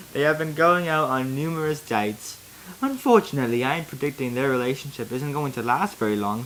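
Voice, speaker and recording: A man reads fan fiction aloud in a casual, comedically dramatic style, breaking off into amused, wry asides. His voice is fairly high and a bit bright, with music behind him, slight background noise, and poor audio of fluctuating quality.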